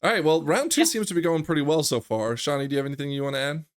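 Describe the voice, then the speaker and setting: A man's voice: fairly high pitch, racing. A man hosting a casual gaming chat, rambling through his points and laughing often. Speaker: podcast host.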